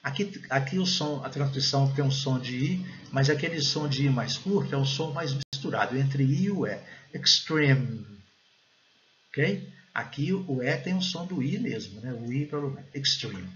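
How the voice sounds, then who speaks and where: A man's voice: mid-range voice, lively intonation, normal speed, dull audio, slight background noise. A Brazilian man with a Brazilian Portuguese accent gives an online English pronunciation lesson, explaining step by step and often adding "né?" and "gente".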